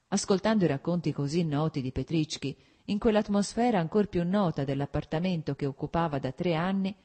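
A woman reads a classic novel aloud in measured audiobook narration. Her voice sits low and sounds warm and mellow, and she keeps an even pace. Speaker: audiobook reader.

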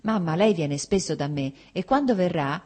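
A small, anxious boy pleads in a raised, childlike voice with a breathy edge, as a woman reading aloud puts him on. He clings to his mother with every word. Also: fairly low pitch, lively intonation, moderate pace, a little mellow. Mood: pleading.

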